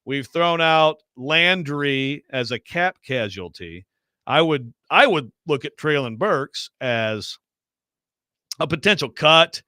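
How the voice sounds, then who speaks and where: A man's voice: fairly high pitch, animated, takes it slowly, sharp tone, clean tone, no room sound, studio quality. A man hosting casual sports talk radio, wordy and often interrupting himself.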